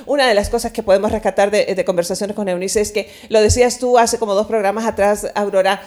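A woman's voice: medium pitch, steady tone, quick pace, darkish tone. A woman co-hosting a talk show in casual conversation, reflective and often laughing as she speaks. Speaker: co-host. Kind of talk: casual chat.

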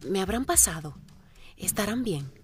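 A middle-aged woman narrates her marathon in the first person, with reflective inner-monologue narration and sudden bursts of excitement. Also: mid-range voice, normal speed, soft background music.

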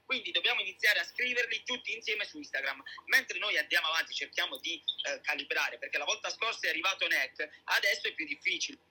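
A man's voice: high-pitched, lively intonation, quick pace, few pauses, sharp tone, a little hiss or hum, rough recording. A man, casually hosting a live show on a voice-chat app. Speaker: host of a live audio show.

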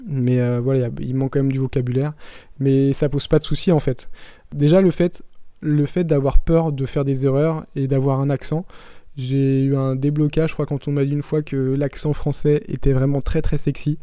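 A man's voice: medium pitch, flat delivery, moderate pace, dark tone, clear, resonant tone, no room sound. A man hosting a podcast, answering listener questions in a frank, casual monologue and speaking straight to the listener. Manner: frank, conversational, addresses the listener directly.

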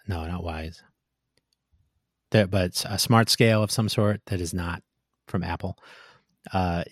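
A man's voice: low voice, no echo, studio quality. A man co-hosting a casual tech talk, thoughtful and hesitant, restarting his sentences often.

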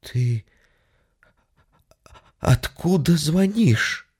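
A timid, frightened woman asking hushed questions, as a male storyteller puts her on. Her voice sits a little higher than his own and stays soft and quiet. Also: lively intonation, a little slow. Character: frightened woman on a bad phone line.

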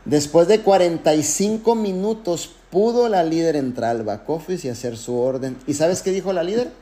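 A man's voice: fairly high pitch, expressive, moderate pace, dark tone. A man who leads a network marketing team, giving an emphatic motivational talk full of anecdotes and direct address.

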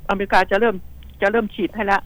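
A woman's voice: mid-range voice, little pitch movement, fast, no room sound, low-quality recording. Outspoken woman radio news commentator. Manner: outspoken, indignant, rambling with many repeats. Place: radio studio.

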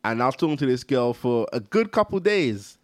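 A young man, hosting a casual chat and telling animated anecdotes. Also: medium pitch, brisk, dry recording, studio quality. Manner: animated storyteller, laughs through anecdotes. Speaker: podcast host.

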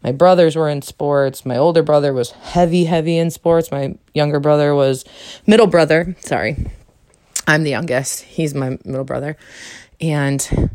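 A young adult woman hosting a podcast, telling a casual story animatedly and acting out quoted lines with sudden high jumps. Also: moderate pace, darkish tone, dry recording, studio quality. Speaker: podcast host.

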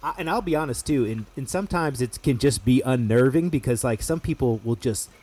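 A man's voice: medium pitch, lively intonation, fairly quick, a little mellow. A man with an American accent chatting casually as a chef, emphatic and slangy with plenty of swearing. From United States. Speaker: chef making cooking videos. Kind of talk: casual podcast-style chat.

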